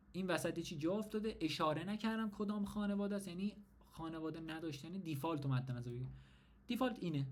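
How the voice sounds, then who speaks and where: A young man explaining a design topic in a casual tutorial, asking and answering his own questions. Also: on the high side. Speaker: design instructor. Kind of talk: screen-recorded tutorial.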